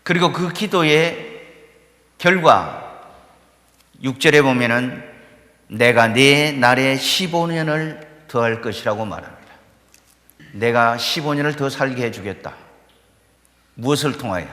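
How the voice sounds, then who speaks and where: A male pastor delivers a sermon with a bright, forceful tone. He swings between hushed, low passages and fervent, rising peaks. The sound rings with long reverb through a church hall. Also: expressive, unhurried, pauses often. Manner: emphatic preaching, rising to fervent peaks then dropping low. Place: church sanctuary.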